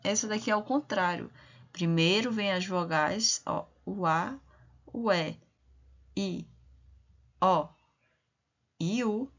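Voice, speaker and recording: A woman teacher walks young pupils through a reading lesson, sounding out each syllable with slow, careful deliberation. Her voice sits at a middling pitch. The recording is slightly dull and lo-fi. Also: fairly bright tone. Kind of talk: primary school reading lesson.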